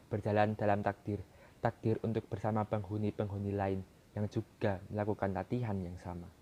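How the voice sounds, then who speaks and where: A man's voice: fairly low pitch, mellow. Man giving a dramatic story reading. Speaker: reader of a short story.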